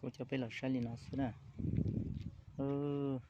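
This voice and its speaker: A man's voice: medium pitch, little pitch movement, unhurried. A man talking casually and loosely, rambling from one point to the next. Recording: muffled recording with crowd noise. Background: crowd chatter.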